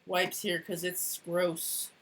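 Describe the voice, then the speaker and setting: A woman's voice: lowish voice, little pitch movement, slow, very noisy. A woman chatting casually on a live stream as she crafts, thinking aloud and trailing off mid-sentence.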